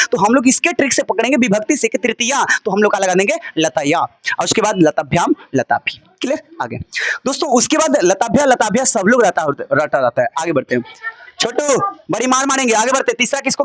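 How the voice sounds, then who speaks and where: A man's voice: high-pitched, fairly bright tone, no echo. A man with a Bhojpuri-inflected Hindi accent, a Sanskrit teacher leading a classroom lesson. He drills students in call-and-response, chanting word forms in a sing-song way and coaxing them with jokes. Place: classroom with children.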